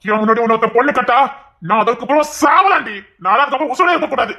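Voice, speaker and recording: Guy doing a jealous bossy husband in an audio drama, kinda high voice, talks fast and bright, scolds a lot. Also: animated, exaggerated voice. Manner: stern, scolding, possessive. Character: possessive, hot-tempered young husband. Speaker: voice actor in an audio serial.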